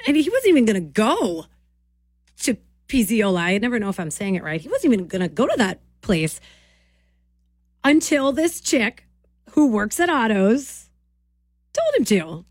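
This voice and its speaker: A woman hosting a morning radio show, chatting in a gossipy, animated way. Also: on the high side, normal speed, long pauses, dry recording. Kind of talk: casual radio chat.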